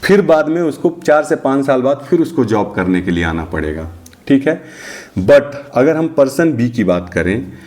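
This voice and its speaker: A man's voice: medium pitch, big pitch swings, moderate pace, darkish tone. A middle-aged man from India hosting a personal finance channel, explaining in a casual, conversational way and checking in with the listener by asking and answering his own questions. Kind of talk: casual explainer talk to camera.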